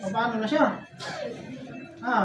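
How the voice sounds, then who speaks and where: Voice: medium pitch, unhurried, highs cut off, music in the background. A faith healer in a deliverance session, sternly interrogating a spirit and prodding with short, taunting questions. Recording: echoey, distant, noisy room sound.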